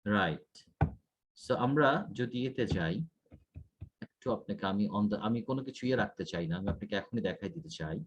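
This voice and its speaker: In a one-on-one feedback lesson, a male IELTS tutor with a fairly low voice and lively intonation speaks at a normal pace. He corrects his student's mistakes one point at a time. The sound is lo-fi.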